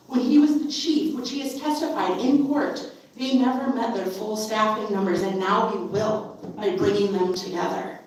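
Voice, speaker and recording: A woman speaking at a public comment podium, forceful and insistent, driving her points home with repetition. Her voice sits a little high and sounds distant, caught in a very echoey council chamber. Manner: forceful, insistent, repeats for emphasis. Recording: very echoey hall from far off.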